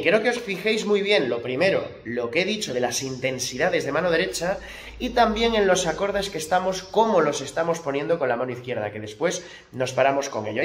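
Emphatic guitar teacher, roomy sound. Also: male voice, on the high side, fairly bright tone. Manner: emphatic, repeats key points, vocalizes strum rhythms. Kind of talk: guitar lesson explanation. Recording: roomy echo with acoustic guitar.

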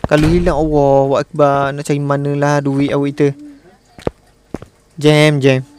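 A man's voice: fairly high pitch, flat delivery, a little slow, background noise. A man with a Malaysian Malay accent giving casual, exasperated commentary while streaming a management game and talking to his viewers.

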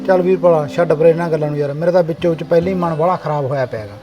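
A man's voice: fairly high pitch, very fast, over music. A young man with a Punjabi accent acting a farmer son in a village drama, scolding and complaining.

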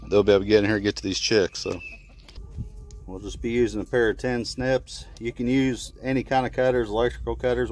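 A man's voice: mid-range voice, a little hiss or hum. A man in his thirties, plain-spoken and folksy, talking casually while building a chicken run outdoors and filming on a handheld phone. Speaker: homesteader showing a build. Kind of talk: casual how-to vlog. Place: outdoors in wooded yard by chicken coop. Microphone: handheld phone camera.

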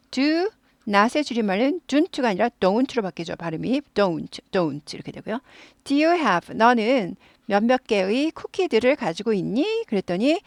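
A woman teaching English grammar in Korean, explaining patiently and repeating words slowly for practice. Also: on the high side, no room sound, clean studio sound.

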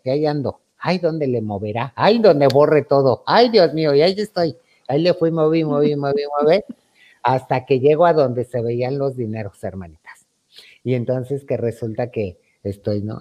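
A man's voice: fairly high pitch, darkish tone. A man with a Mexican accent telling a playful, chatty story to his audience, acting out the quoted lines. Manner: chatty, playful, campy, calls the audience "hermanitas". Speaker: YouTuber host. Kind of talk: storytime monologue.

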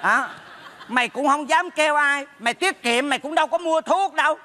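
An actor in a stage comedy sketch playing a meddling neighbor who teases in quick, mocking bursts and speaks with a Southern Vietnamese accent. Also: male voice, very high-pitched, bright, forceful tone, big-room sound. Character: meddling, teasing male neighbor.

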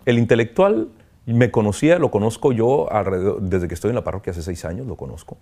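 A deep, low-pitched man speaks in a soft, mellow tone. He is a priest giving a heartfelt interview, talking earnestly with halting pauses and reflective asides. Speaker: priest, kidnapping survivor interviewee. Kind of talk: emotional interview testimony.

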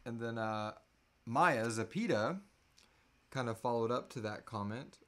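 Recorded at desk distance in a small home room, this podcast host in his thirties runs a live question-and-answer stream. He's relaxed and casual, not shy about swearing, and speaks a little slowly in a medium-pitched, fairly bright voice.

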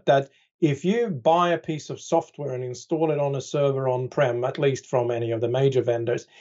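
A man's voice: medium pitch, warm tone, dull audio. A man speaking as an expert guest on a podcast, explaining things conversationally with dry sarcastic humor and many "right?" tags.

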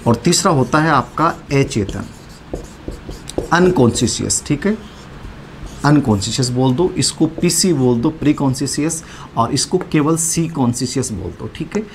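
A male teacher delivers an exam-prep psychology lesson at a middle pitch. He poses questions and answers them straight away, often closing a point with "okay." A faint background hiss sits under his voice. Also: expressive, measured pace. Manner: tags lines with "ठीक है".

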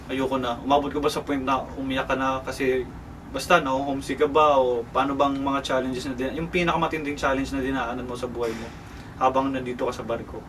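A man's voice: mid-range voice, little pitch movement, brisk. Man interviewing at a distance from the mic. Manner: prompting, finishes the guest's sentences. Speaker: vlogger interviewing a crew member. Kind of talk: casual interview. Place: aboard a cruise ship. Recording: distant mic with faint background noise.

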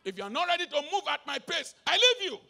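A Nigerian man preaching a sermon live at a concert, swinging between shouted lines and low muttered asides, slipping into pidgin. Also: sing-song, fast talker, vocal fry.

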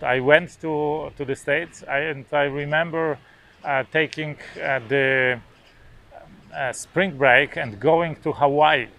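Speaking to the camera outside on a beach lawn, this vlogger is a native Polish speaker from Poland in his forties. His voice has a medium pitch and a fairly bright tone, and his casual talk is hesitant, full of fillers and restarts.

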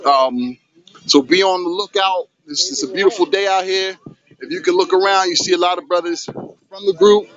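A middle-aged man hosts a casual vlog on a sunny beach, filming on a handheld phone camera. His voice is high and a bit bright at a moderate pace, his talk loose, hyped and streetwise, and the lo-fi phone audio is dull.

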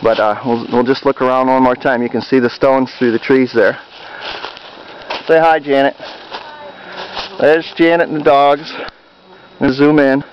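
A man's voice: medium pitch, fairly even intonation, slight background noise. Man narrating a walk through the woods. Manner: unhurried, pausing with ums and uhs while filming. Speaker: amateur videographer exploring a cemetery. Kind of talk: casual walking narration. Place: woods, outdoors. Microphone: handheld camcorder mic. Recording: dull lo-fi camcorder audio with faint outdoor ambience.

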